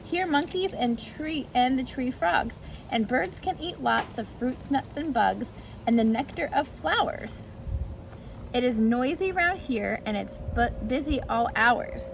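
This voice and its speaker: Lively intonation and a high-sitting voice mark this woman's read-aloud, which moves a little slowly. She sing-songs her way through a rhyming picture book for preschoolers, pausing now and then for short asides. It was captured on a clearly noisy amateur recording.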